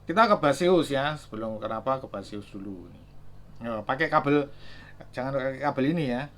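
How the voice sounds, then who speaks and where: A man's voice: mid-range voice, animated, normal speed, a bit bright. A man casually demonstrating chargers, thinking aloud and reading out numbers with many fillers. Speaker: gadget reviewer. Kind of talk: casual product demo.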